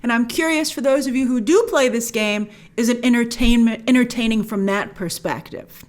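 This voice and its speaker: This woman, host of a film review program, addresses her audience straight on, punching out important words as she shares her opinions. Her pitch is fairly high and her pace moderate.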